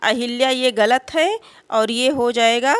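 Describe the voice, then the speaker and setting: A woman teaching grammar for exams, who explains slowly, poses questions and answers them herself, and keeps checking in with her students. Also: a little high, smooth, no room sound. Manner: frequent "है ना" check-ins and "अ" fillers. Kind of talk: exam-prep grammar lesson.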